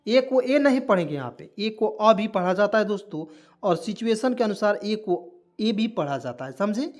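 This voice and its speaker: Indian man drilling English pronunciation. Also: high voice. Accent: Hindi-speaking Indian. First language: Hindi. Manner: repetitive, drills words aloud, asks and answers own questions. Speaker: English teacher. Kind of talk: classroom lesson explaining pronunciation.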